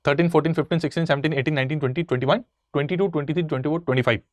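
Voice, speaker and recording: A man's voice: on the high side, racing, darkish tone, no room sound, clean studio sound. A young man teaching exam answer writing, mixing English phrases into his speech. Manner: mixes English phrases into his speech, asks "theek hai" often. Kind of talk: explaining answer writing in a lesson.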